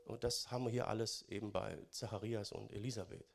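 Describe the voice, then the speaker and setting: A man giving a sermon in German, chatty and conversational, often adding "ne?" and swinging between loud stressed phrases and quiet musing. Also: on the low side, steady tone, fast, creaky. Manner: conversational, keeps adding "ne?" tags. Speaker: preacher.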